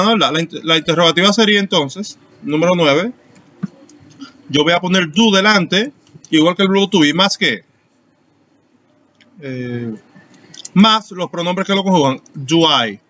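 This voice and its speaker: A man's voice: fairly high pitch, fairly bright tone, highs cut off. A man who is a teacher, explaining grammar to students in an online class and calling on them by name. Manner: explanatory, asks students questions. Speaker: English teacher.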